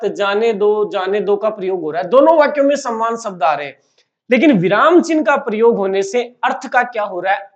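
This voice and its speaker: A man teaching a Hindi grammar lesson, explaining slowly and asking questions that he then answers himself. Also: extremely high pitch. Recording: dull lo-fi recording.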